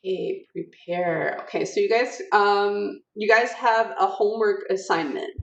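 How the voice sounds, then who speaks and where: A woman's voice: medium pitch, a little slow, vocal fry, a bit bright. A woman teacher giving a recorded lecture in an informal, filler-heavy way, reading example sentences aloud to show word stress. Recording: roomy, distant, dull audio.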